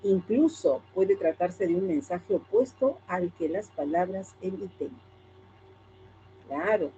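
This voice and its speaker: A woman's voice: on the low side, mellow, a little hiss or hum, rough recording. A woman teacher with a Peruvian Spanish accent, lecturing a class and asking herself questions that she answers straight away. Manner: asks and answers her own questions.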